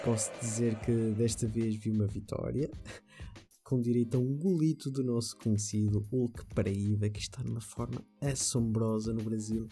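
A man giving a conversational football podcast monologue, halting and repeating phrases at times. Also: on the low side, warm tone.

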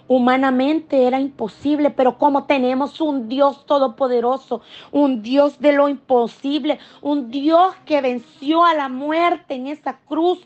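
A woman's voice: high-pitched, a little mellow, dull audio. A woman giving an emotional church testimony, earnestly addressing the congregation as brothers and sisters.

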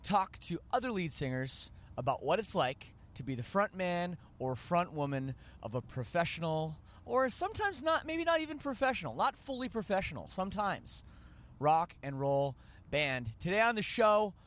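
A man's voice: high voice, big pitch swings, normal speed, a bit bright. A man with a Canadian accent hosting a podcast, rambling and joking as he corrects himself. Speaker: podcast host. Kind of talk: casual podcast chat.

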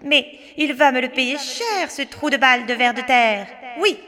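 A woman voicing a boastful, spiteful female witch with a shrill, theatrical voice, read as a storybook. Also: animated, measured pace, bright, forceful tone, in a large hall, exaggerated voice. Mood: furious.

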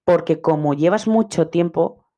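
A man's voice: fairly high pitch, unhurried, dark tone. Earnest man coaching on a podcast. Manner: earnest, repetitive, emphatic. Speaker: personal development coach. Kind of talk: podcast monologue.

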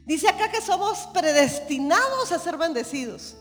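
A woman's voice: very high-pitched, sing-song, moderate pace, a bit bright. A woman preaching a sermon, emphatic and repetitive, with frequent calls of amen. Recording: reverberant hall with faint music.

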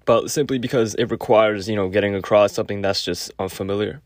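A man giving a casual spoken lecture with a clogged nose, halting often with fillers and restarts. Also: lowish voice, fairly even intonation, no room sound. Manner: halting, many fillers and self-corrections. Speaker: podcast host.

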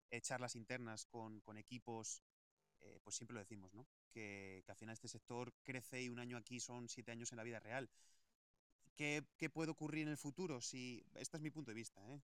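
A man's voice: mid-range voice, fairly bright tone, clean tone, no room sound. A man from on a remote esports panel, his voice faint and distant over a poor connection, talking hesitantly with many restarts. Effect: faint, distant voice over a weak online connection. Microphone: computer mic without headset.

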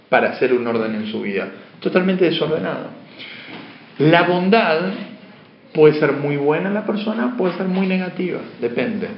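Male teacher, lecturing a class and questioning it, faint hum behind, dull recording. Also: on the high side. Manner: asks questions of the class, shifts between emphatic and hushed. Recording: dull, roomy lo-fi room sound.

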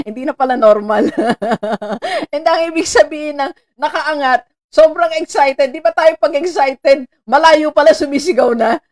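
A Filipino woman hosting a live-streamed motivational talk, chatty and animated, laughing often and greeting viewers by name. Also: high voice, a little slow. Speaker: motivational host.

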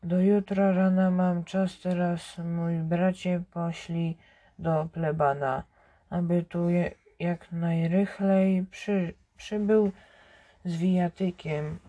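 A grave old priest speaks in unhurried verse, as the reader puts him on. The voice is dark and mellow, the delivery measured, with occasional stumbles over the words. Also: mid-range voice, flat delivery, dull audio, natural voice. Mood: solemn. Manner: slow measured recitation with stumbles. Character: aging male priest making a confession.

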